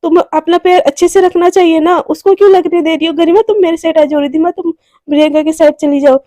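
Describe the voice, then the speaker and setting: A woman's voice: extremely high pitch, steady tone, fast talker, warm tone, no room sound, studio quality. A woman voicing a chatty young female classmate who insists on getting her way. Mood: insistent.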